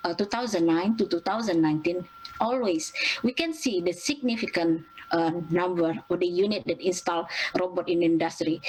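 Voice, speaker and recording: A young Indonesian woman with an Indonesian accent gives a student presentation at an academic conference, speaking haltingly with many fillers and restarts. Her pitch is fairly low, and the recording quality is low.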